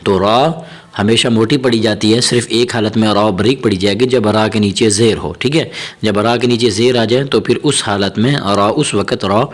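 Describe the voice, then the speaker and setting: A man teaching Quran reading, slowly spelling out and chanting each syllable, then explaining the rules in quick bursts. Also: fairly low pitch, steady tone. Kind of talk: spelling-out recitation lesson.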